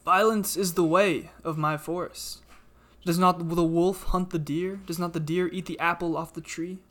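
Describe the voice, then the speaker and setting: A man's voice: sits high, steady tone, moderate pace, a bit bright. A man voicing an ancient talking tree, a stern forest guardian speaking in grave, archaic challenges. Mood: stern, challenging.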